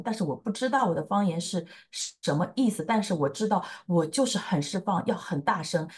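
A woman in her thirties giving an earnest personal faith testimony, halting often with fillers as she recalls events. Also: fairly low pitch, darkish tone. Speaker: testimony speaker. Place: lives in the United States.

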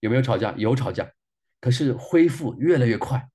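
Man, forties, minister, testimony sermon, earnest, repetitive emphasis, mid-range pitch, mellow tone. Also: expressive, fairly quick, husky. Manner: earnest, repeats phrases for emphasis.

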